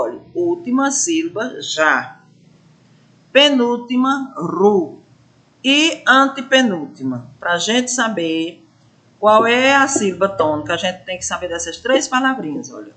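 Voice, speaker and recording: A woman teaching a grammar lesson, drawing out syllables slowly to show stress and asking her pupils questions. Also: mid-range voice, big pitch swings, a bit bright. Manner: addresses pupils as gente, asks questions. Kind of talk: classroom lesson explanation.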